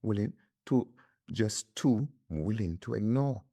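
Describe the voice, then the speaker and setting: A man's voice: on the low side, lively intonation, slow, creaky, dark tone, no echo, clean studio sound. A man, a guest in an interview, answering emphatically and repeating phrases for stress. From Barbados. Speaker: guest, international law scholar.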